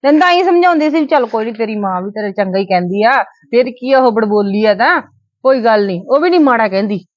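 A woman playing a sharp-tongued aunt in a Punjabi family comedy skit, shrill when quarrelling and soft when coaxing her niece. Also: lively intonation, fast talker, no room sound, lo-fi sound, natural voice. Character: bickering older aunt, sharp-tongued yet soothing. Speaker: aunt (bhua).

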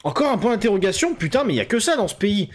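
A man's voice: high-pitched, big pitch swings, fast talker. A man streaming a video game, chatting and joking casually with viewers and swearing freely. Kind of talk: casual live game commentary.

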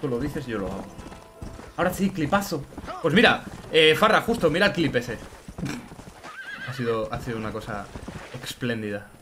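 A man giving chatty, excitable let's play commentary and greeting his chat. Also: medium pitch, moderate pace, long pauses, background noise. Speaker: gaming streamer.

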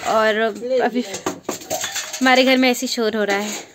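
A young woman with a fairly high voice chats casually in her vlog. She keeps talking straight to her viewers and calls them "guys". She drops English words in as she goes. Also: steady tone, unhurried, noisy background. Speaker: vlogger.

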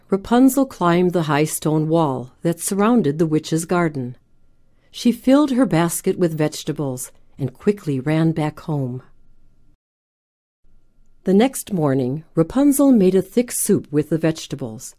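A woman reads a children's fairy tale aloud with a gentle, even delivery. Her voice is mellow and warm with a slightly low pitch. She takes her time over every sentence. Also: a little slow. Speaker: narrator. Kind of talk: scripted storybook narration for children.

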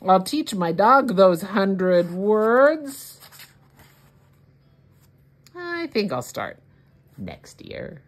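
Reading a picture book to young children at story time, a woman with a mid-range voice hosts the session, delivering it expressively and deliberately.

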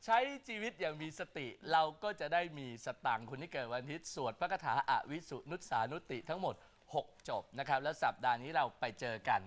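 Man, astrologer, joking and teasing, slightly high-pitched. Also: animated, a little fast, hardly any pauses, fairly bright tone. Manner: joking, teasing, chants spells. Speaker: astrologer guest. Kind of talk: horoscope talk on a TV news chat show.

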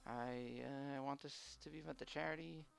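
A man livestreaming casually and haltingly, his voice muffled by a face mask. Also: medium pitch, steady tone, gravelly. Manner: halting, hesitant, unpolished first-time streamer. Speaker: live streamer. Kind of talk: casual unscripted livestream chat.

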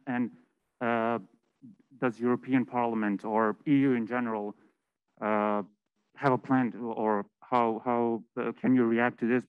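A man's voice: mid-range voice, clean tone, muffled recording. A man from Serbia, an audience member, asking a question at a panel with frequent fillers. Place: meeting room with audience.

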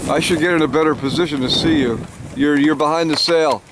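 A man's voice: on the high side, fairly even intonation, fairly quick. A man chatting casually with friends while sailing, in an offhand, joking way, recorded outdoors on a small sailboat by a mounted action camera. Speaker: sailor filming a boat trip. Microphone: action camera mounted on the boat. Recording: heavy wind noise on the mic. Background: loud wind and water.

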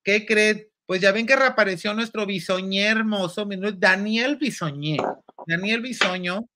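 A man's voice: high voice, fairly even intonation, normal speed, pushed and bright. A man hosting a casual gossip show, campy and exclamatory, reading viewer comments aloud. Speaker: show host.

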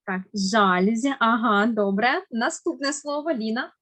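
A woman teaching an online language lesson to children over a video call. She is patient and encouraging, stresses words slowly and carefully, and praises each answer. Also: on the high side, a bit bright.

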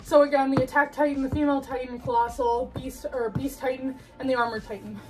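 Young woman, high voice, excitable and breathless, casual unboxing chat, a little off-mic, faint music behind. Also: fast, distant mic. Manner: excitable, gushing, laughing and breathless. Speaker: collectibles unboxing vlogger.

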